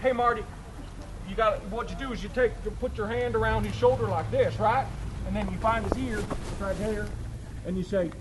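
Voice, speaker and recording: A man's voice: high-pitched, fairly even intonation, brisk, lightly acted. A man playing a chuckling old tree-talking hermit. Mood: folksy. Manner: rambling, chuckling, folksy. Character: eccentric old backwoods hermit man who talks to trees. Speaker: costumed character performer with visitors. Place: outdoors among trees. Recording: outdoor noise with passing traffic.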